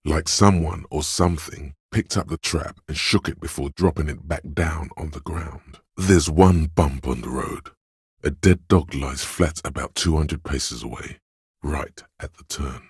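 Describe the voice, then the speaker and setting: This is the voice of a detective's perception skill in a game: a wry, watchful inner sense delivered as scripted lines. In an exaggerated, extremely low and heavily husky voice, he notes small details with measured, dry, observant descriptions. He's close to the mic, and the dry recording has no room sound.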